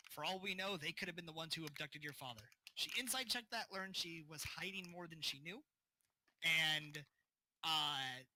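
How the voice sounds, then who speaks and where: A man's voice: a little high, bright, forceful tone, a little hiss or hum, rough recording. A man acting as game master, recapping a tabletop session in a rambling way with many fillers. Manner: rambling, with frequent fillers and restarts.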